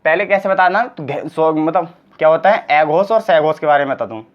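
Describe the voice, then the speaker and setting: A man's voice: fairly high pitch, fairly quick. Man teaching grammar, repeating points. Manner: repeats points and quizzes with rhetorical questions. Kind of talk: exam-prep grammar lesson. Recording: slightly dull lo-fi sound.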